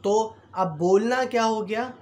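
A man teaching a lesson in a conversational way, pausing on fillers and acting out bits of quoted dialogue. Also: high-pitched, darkish tone. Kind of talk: explanatory lesson.

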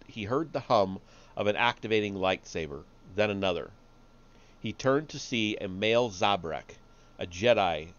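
Man, low voice, live story reading, small stumbles, muffled lo-fi sound. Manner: steady reading with small slips and restarts. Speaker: streamer reading stories aloud.

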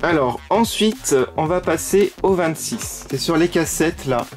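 A man's voice: fairly high pitch, expressive, unhurried. Gushing man unboxing toys over music. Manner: gushing, frequent delighted exclamations. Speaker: toy unboxing vlogger. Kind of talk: casual unboxing commentary. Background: background music.

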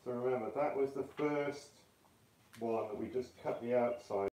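A man teaching a casual art tutorial indoors, talking in a relaxed, offhand, self-deprecating way through a respirator mask that muffles his voice. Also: medium pitch, moderate pace. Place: indoor studio room. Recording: roomy, mic at a distance.

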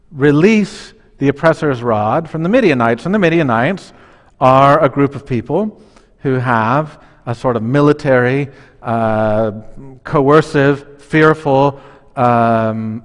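A man in his forties, a pastor preaching a conversational, humorous sermon at the altar of a church, now and then acting out voices. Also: mid-range voice. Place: large church sanctuary, standing at the altar. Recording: long church reverb.

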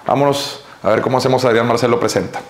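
A man hosting his own vlog in casual chat, relaxed and joking, talking at home and later from a car. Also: medium pitch, fast, reverberant. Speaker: vlog host.

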